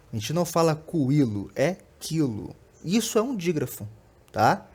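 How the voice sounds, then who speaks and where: A young adult man with a Brazilian Portuguese accent who teaches an online lesson over slides and explains patiently, often checking in with quick tags like "tá?" and "né?". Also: fairly high pitch, darkish tone.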